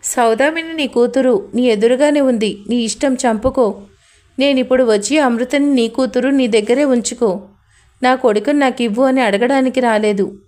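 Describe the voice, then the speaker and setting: A furious, grieving mother, read out by a woman, speaks bitterly and angrily. The voice is on the high side, and she sounds like a character in a family drama audio story. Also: normal speed, darkish tone, close to an everyday voice. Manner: angry, bitter.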